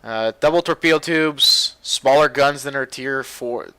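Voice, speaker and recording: A young man giving casual, rambling gameplay commentary as a video host, getting loud and excited at times. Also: mid-range voice, a little slow, clear, resonant tone, no room sound. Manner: excitable, rambling, gets loud when animated.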